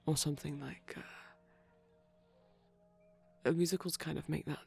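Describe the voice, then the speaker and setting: Soft, rambling ASMR commentary over a movie comes from a performer playing a shy, gently geeky pastel vampire boyfriend, the TV audible in the background. The breathy, creaky voice sits at a medium pitch with fairly even intonation and a moderate pace, often sinking to a whisper over soft background music.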